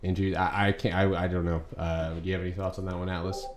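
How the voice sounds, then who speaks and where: Speaking fast in a low, level voice, a young man runs a live stock trading stream and comments on the market. His talk is casual and meandering, peppered with ums and uhs, recorded in an echoey room with slight background noise.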